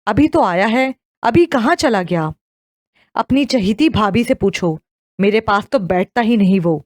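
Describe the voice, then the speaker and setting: A woman's voice: mid-range voice, animated, no echo, clean studio sound, lightly acted. A woman voicing a bitter middle-aged mother. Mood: resentful. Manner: curt, sarcastic replies.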